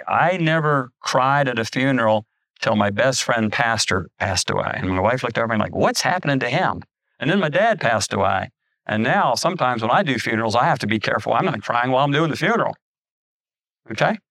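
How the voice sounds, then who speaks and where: Gravelly-voiced man preaching a sermon. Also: mid-range voice, fairly bright tone, dry recording. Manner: conversational preaching with frequent restarts and asides. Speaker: pastor.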